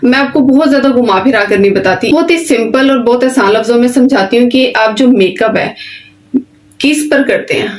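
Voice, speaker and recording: A woman's voice: on the high side, normal speed. A woman teaching an online beautician course, giving plain, direct instructions and often checking in with "okay". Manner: repeats "ठीक है" often, plain simple explanations. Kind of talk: online class lecture.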